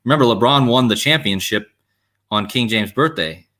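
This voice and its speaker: A man's voice: medium pitch, normal speed, bright, forceful tone. A man in his thirties from Ohio, hosting a casual chat and speaking hesitantly. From Ohio, United States. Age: 30s. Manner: hesitant, full of fillers and restarts. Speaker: host.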